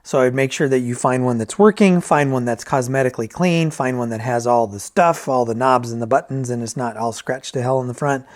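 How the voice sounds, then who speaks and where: Speaking a little fast with hardly any pauses, a man in the mid range gives an unscripted review of vintage audio gear. He's candid and self-deprecating, thinking out loud in colloquial language.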